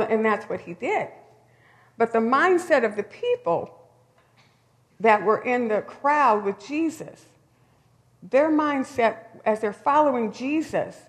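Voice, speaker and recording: A woman preaching a sermon in a conversational, storytelling way, with emphatic rises. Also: a little high. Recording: long hall reverb.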